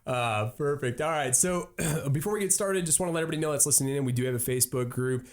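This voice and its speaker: A man's voice: mid-range voice, quick pace. A man hosting a travel podcast in a casual, upbeat, joking tone. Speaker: podcast host.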